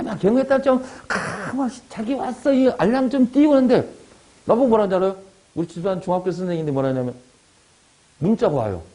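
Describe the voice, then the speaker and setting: A man's voice: a little high, mellow. A middle-aged man giving an exam-prep lecture, digressing into chatty stories and anecdotes.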